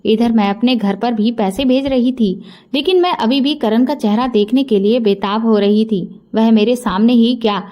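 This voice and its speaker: Woman, storyteller, scripted first-person narration, steady even delivery, fairly high voice, mellow tone.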